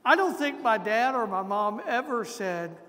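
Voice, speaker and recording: Male pastor, high-pitched, unhurried, preaching with asides in a reverberant sanctuary. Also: lively intonation, bright, forceful tone. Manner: slow, deliberate preaching with asides. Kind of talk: sermon. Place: large church sanctuary. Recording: long church reverb.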